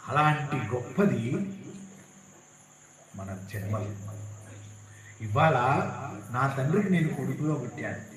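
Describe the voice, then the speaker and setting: A man's voice: mid-range voice, animated, measured pace, pauses often, fairly bright tone, echoey room, poor audio. A man giving an impassioned devotional sermon, repeating rhetorical questions. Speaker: religious discourse speaker.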